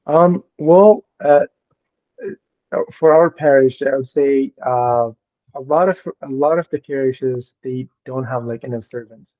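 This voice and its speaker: A man's voice: mid-range voice, measured pace. A young man speaking as an interview guest over a video call, hesitant, with many fillers and restarts. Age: young adult. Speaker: guest, deacon. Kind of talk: conversational interview. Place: small room at home. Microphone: laptop mic on a video call. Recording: dull lo-fi video-call audio.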